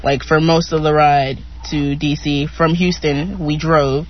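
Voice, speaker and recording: A man's voice: a little high, level tone, a little slow. Chatty teenage guy, lo-fi sound. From Texas. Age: teens. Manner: chatty, laughs often, lots of "like". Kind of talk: casual group chat. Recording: dull lo-fi recording.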